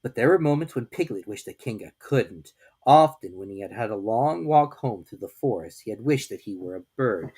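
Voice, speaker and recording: A man narrating a dramatic storybook reading with expressive, lively storytelling. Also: on the low side, normal speed, breathy edge.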